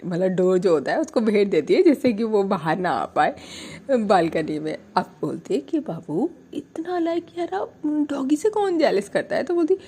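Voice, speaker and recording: A woman's voice: medium pitch, dark tone. A young woman telling a romance story in a casual, chatty way, full of asides and filler words.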